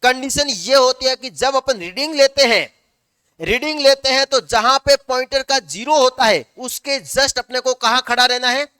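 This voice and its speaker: Male teacher, lecture delivery, self-answering questions, dictates slowly at times. Very clear, crisp tone. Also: very high voice, bright, forceful tone, no room sound, studio quality. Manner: asks the class questions and answers them himself; slows down to dictate notes word by word. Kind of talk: classroom lecture.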